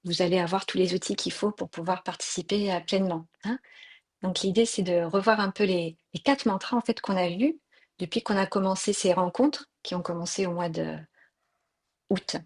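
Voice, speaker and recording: A woman's voice: lowish voice, moderate pace, slightly rough. A woman leading an online mantra workshop, patiently explaining pronunciation with frequent fillers, heard through a computer mic on a video call. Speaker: mantra and yoga teacher.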